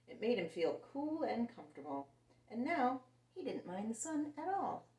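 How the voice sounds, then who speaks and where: A children's story reader with a medium-pitched voice brings a picture book to life for little listeners, animated and voicing the characters, her intonation rising and falling a lot. The sound is roomy, as she sits away from the mic.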